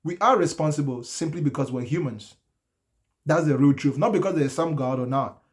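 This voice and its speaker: A man hosting a live call-in talk show, brash and animated, laughing often as he riffs on callers. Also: on the high side, normal speed. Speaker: host. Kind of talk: casual live call-in chat.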